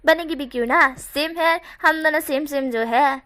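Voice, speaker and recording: Brief: woman playing cheeky young man, high and playful, teasing. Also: normal speed, fairly bright tone. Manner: teasing, joking.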